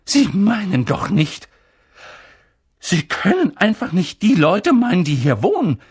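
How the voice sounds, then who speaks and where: A reader putting on Professor McGonagall, high and urgent. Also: very animated, a little slow, husky, exaggerated voice. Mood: indignant. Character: stern older female professor, sharp and agitated. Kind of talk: audiobook character reading.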